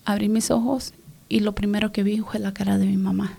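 A woman with a gravelly, dark-toned voice tells an earnest personal faith testimony in an interview, speaking in a fairly flat, level tone. She talks softly and often slips into a breathy whisper. Her first language is English. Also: medium pitch, a little fast. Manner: soft, often drops to a whisper. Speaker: interview guest.

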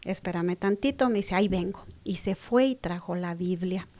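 A woman with a Mexican Spanish accent giving a personal faith testimony, softly spoken, often sinking to a breathy half-whisper and acting out the quoted dialogue with rising emphasis. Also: fairly low pitch, normal speed.

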